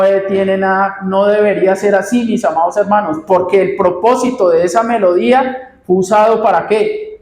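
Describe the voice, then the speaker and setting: A man's voice: high voice, a little mellow. A Colombian man preaching a sermon, repeating phrases for emphasis and often calling out to his beloved brothers. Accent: Colombian Spanish. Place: church sanctuary. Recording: echoey church room.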